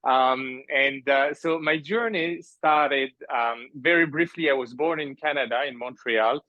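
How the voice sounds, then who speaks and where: A man's voice: medium pitch, measured pace, pushed and bright, dry recording, muffled recording. A man in his thirties from France, a podcast guest talking casually about his life, rambling with many fillers and restarts and laughing often. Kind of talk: casual conversational interview. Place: remote call from an island at night.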